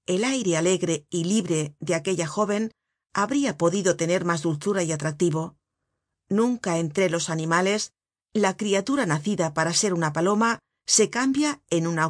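Woman, audiobook narrator, measured deliberate reading, low voice, dry close sound. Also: dry recording. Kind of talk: scripted narration.

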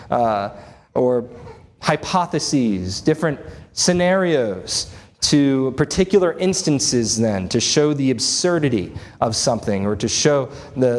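A man, preaching a sermon in a church, explaining scripture earnestly and asking rhetorical questions. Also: medium pitch. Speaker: pastor.

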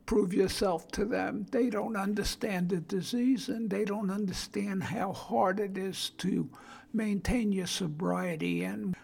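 An older woman with a Brooklyn accent and a husky, gravelly voice, hosting an informal solo podcast in a plain-spoken, halting, earnest way. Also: mid-range voice, steady tone, darkish tone. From Brooklyn, New York. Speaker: podcast host.

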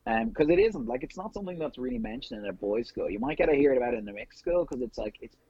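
A man's voice: medium pitch, animated, fast, creaky, mellow, husky, dry recording, muffled recording. A young Irish man in his twenties, a nurse guest, chatting casually on a podcast in a rambling way. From Ireland.

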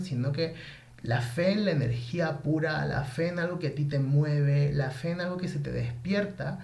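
Gravelly man telling a rambling story. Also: on the high side. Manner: rambling, animated, slangy storytelling. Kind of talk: casual storytelling monologue. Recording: echoey room.

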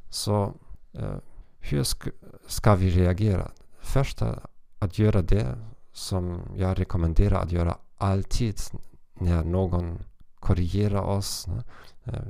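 A man hosting a language-learning podcast, talking in a halting, careful way with frequent pauses. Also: low-pitched, vocal fry, warm tone, no room sound, studio quality. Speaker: podcast host and language teacher. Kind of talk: informal podcast monologue.

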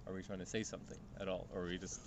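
A man's voice: sits low, little pitch movement, rapid-fire, a little hiss or hum. A man co-hosting a podcast in a casual chat, thoughtful and probing, asking many questions. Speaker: podcast co-host.

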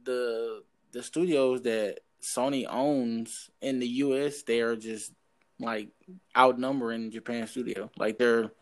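A man's voice: medium pitch, fairly even intonation, slow. A man co-hosting a casual gaming podcast, rambling with many fillers as he searches for words. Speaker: podcast co-host. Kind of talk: casual chat.

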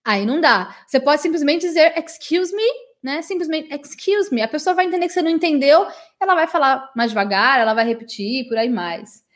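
A woman with a bright, high-pitched voice gives a live English lesson to her viewers. She is from Brazil and talks in a chatty, affectionate way, checking in with her audience and often tagging her sentences with little questions. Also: lively intonation, brisk, few pauses. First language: Portuguese. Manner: chatty and warm with her audience, many "né?" tags. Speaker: English teacher.

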